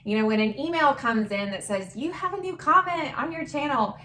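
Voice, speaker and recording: A woman's voice: high-pitched, animated, moderate pace, sharp tone, reverberant, a little hiss or hum, low-quality recording. A woman co-hosting a marriage channel, upbeat and grateful in casual chat.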